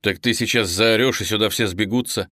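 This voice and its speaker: A man voicing a blunt, gruff young man who talks in a curt, hushed way, in an audiobook. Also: lowish voice, fairly quick, dry recording, clean studio sound. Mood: tense.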